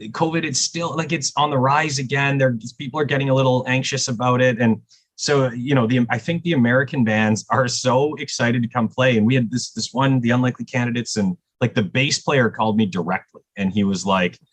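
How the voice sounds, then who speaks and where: A man who programs a music festival, chatting on a podcast and telling excited stories with animated quoted dialogue. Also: mid-range voice, fairly quick, no room sound. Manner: excited storyteller, lively acted-out quotes. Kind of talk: casual podcast conversation.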